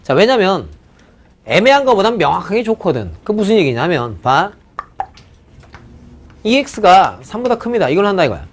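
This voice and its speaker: Male math lecturer, high and very animated, drawls key words, constant check-ins. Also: normal speed, long pauses. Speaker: math teacher. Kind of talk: recorded online math lecture.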